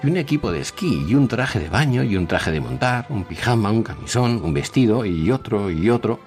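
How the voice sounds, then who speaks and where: Man playing cold grey storybook villain, low voice, persuasive, insistent, faint music. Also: a little fast, lightly acted. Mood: insistent selling. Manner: monotone, insistent.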